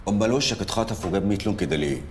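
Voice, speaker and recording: A man's voice: on the low side, lively intonation, rapid-fire, a little hiss or hum, close to an everyday voice. A man playing a dry, stern police officer with an Egyptian accent.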